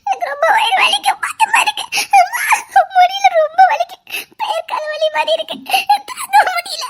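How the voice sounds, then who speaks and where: A woman's voice: very high voice, fast talker. A woman playing a wailing pregnant wife. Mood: pained. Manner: wailing, half laughing half crying. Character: young pregnant wife in labour pain.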